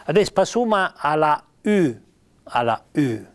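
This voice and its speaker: A man with a Piedmontese accent giving an informal spoken lesson on spelling. He is patient, says sample words slowly and more than once, and uses frequent fillers. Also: fairly high pitch, big pitch swings. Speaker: writer explaining spelling.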